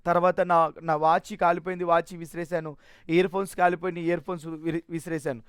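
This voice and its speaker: A man's voice: fairly high pitch, little pitch movement, fast, clean tone, no room sound, clean studio sound. A man giving a personal testimony in an earnest, emotional way, often restarting his sentences.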